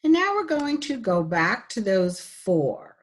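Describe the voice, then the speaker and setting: A woman's voice: medium pitch, very animated, takes it slowly. A woman giving a recorded phonetics lecture, patiently demonstrating sounds while sharing her screen. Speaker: phonetics instructor.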